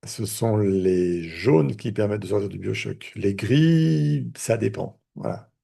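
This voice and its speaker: A man's voice: lowish voice, animated, slow pace, vocal fry, mellow, slightly rough. A man, a therapist, teaching a live online lesson in a conversational way, with many fillers and restarts. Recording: video call audio.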